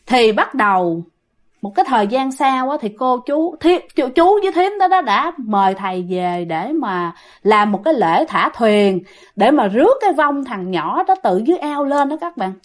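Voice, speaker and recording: A woman's voice: a little high, big pitch swings, moderate pace. A woman with a Southern Vietnamese accent telling a ghost story in a chatty way, often addressing her listeners. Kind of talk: casual storytelling.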